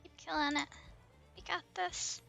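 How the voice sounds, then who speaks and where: Over background music, a woman livestreamer talks herself through a game in casual, easily flustered commentary, giggling as she goes. Her voice is very high-pitched and steady in tone, unhurried, creaky, pushed and bright.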